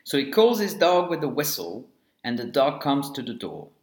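A man reads a children's storybook aloud with a lively, sing-song lift and fall in his voice. His tone stays mid-range and even. The recording has a noticeable roomy echo around it. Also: medium pitch, moderate pace. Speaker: narrator. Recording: echoey room.

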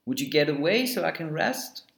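A man voicing a sleepy, polite male storybook character who asks gently. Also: fairly high pitch, big pitch swings, normal speed, vocal fry, voice pushed up, exaggerated voice. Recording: echoey room.

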